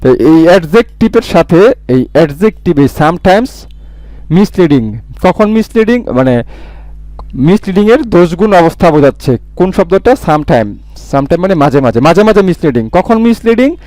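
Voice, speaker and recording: Repetitive Bengali grammar tutor, higher voice. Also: male voice, sing-song, moderate pace, darkish tone, no room sound. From Bangladesh. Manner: repeats key words, asks and answers his own questions. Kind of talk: exam-prep grammar lesson.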